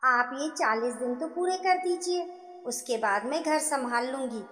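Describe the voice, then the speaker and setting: A worn-out young mother pleads softly, voiced by a woman narrator, her voice fairly high and lilting. The reading rings in an echoey room with a long reverb. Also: lively intonation, unhurried, soft background music. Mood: pleading. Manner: soft, pleading.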